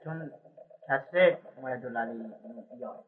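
A man answering as a student in a grammar lesson, with short, hesitant answers. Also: medium pitch. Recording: tinny phone-like recording.

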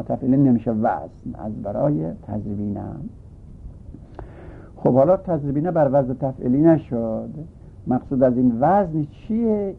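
Man teaching over a tinny line. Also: mid-range voice. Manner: patient, repeats and rephrases points. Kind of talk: lecture explaining a grammar text. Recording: tinny phone-like recording.

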